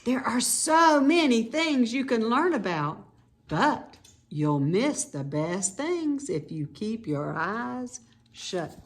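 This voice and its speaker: A woman of medium pitch gives an expressive, teacherly reading of a children's picture book. Along the way she offers informal explanations to young listeners.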